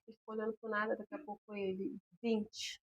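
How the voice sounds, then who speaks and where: Racing through her words in a medium-pitched voice, a mother of a patient tells an interviewer a personal story about her son. She's animated, performing the dialogue and voices of the people she describes.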